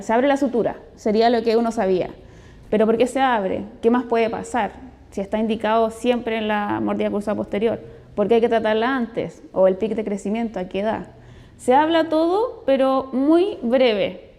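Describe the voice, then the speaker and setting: A woman dentist with a Chilean accent gives an earnest testimonial. Her voice sits a little high and sounds warm and mellow. She talks in a conversational, explanatory way. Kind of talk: testimonial interview.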